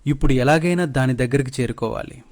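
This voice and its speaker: A man's voice: mid-range voice, quick pace, darkish tone, lightly acted. A man doing a wise old holy man. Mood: advising.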